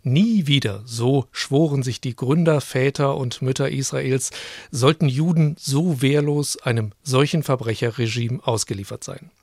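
A German man co-hosting a radio programme delivers scripted narration and interview questions for a feature. His medium-pitched voice is unhurried and slightly mellow, with a dry, studio-quality recording.

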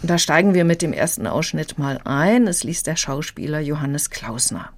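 A woman's voice: low voice, animated, normal speed. A woman acting as a literary critic, who explains and summarizes a novel fluently in a radio interview. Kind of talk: radio book review interview.

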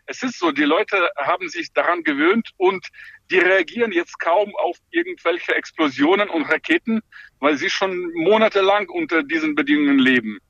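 Man, gravelly and fairly high, halting answers over a dull lo-fi line. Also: big pitch swings, fairly bright tone, dry recording. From Ukraine. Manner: halting, many hesitations. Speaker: farm manager interviewee.

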